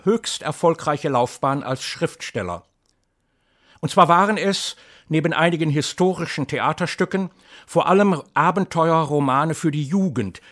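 A middle-aged man reading an introduction and then telling a story with measured, lively delivery. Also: on the high side. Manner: measured, lively storytelling, slips into dialect for the tale. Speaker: narrator and reader.

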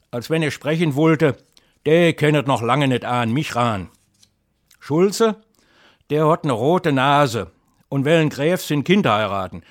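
A middle-aged man reading an introduction and then telling a story with measured, lively delivery. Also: fairly high pitch. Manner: measured, lively storytelling, slips into dialect for the tale. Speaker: narrator and reader.

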